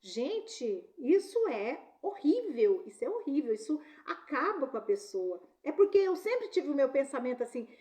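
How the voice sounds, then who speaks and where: Earnest high-voiced Brazilian woman. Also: sing-song, normal speed, hardly any pauses, mellow. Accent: Brazilian Portuguese. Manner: earnest, often ends sentences with "né?". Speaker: speaker on workplace harassment. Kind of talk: talk with personal stories.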